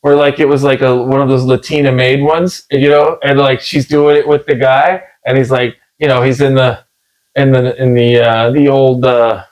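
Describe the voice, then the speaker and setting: A man's voice: medium pitch, little pitch movement, normal speed, darkish tone, poor audio. A middle-aged man co-hosting a podcast, rambling and joking with many restarts. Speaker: podcast co-host. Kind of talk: casual comedic chat.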